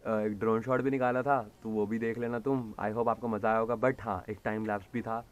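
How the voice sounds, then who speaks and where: Speaking a little quickly in a steady, lowish voice, this Indian vlogger in his 20s addresses viewers directly. His to-camera chat is casual and playful.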